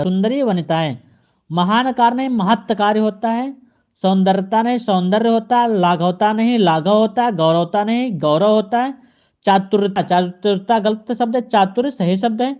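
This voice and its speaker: A male teacher giving an exam-prep grammar lesson, addressing the viewer and repeating each correction in a steady drilling pattern. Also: high voice, muffled recording. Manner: speaks straight to the viewer.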